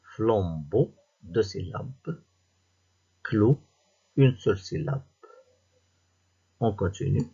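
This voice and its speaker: A man with a Moroccan French accent, reading a worksheet aloud to young pupils as their teacher, slowly and deliberately, word by word. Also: on the low side, expressive, gravelly, warm tone, slightly rough, lo-fi sound. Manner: slow and deliberate, reading words and syllables one by one. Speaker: primary school teacher.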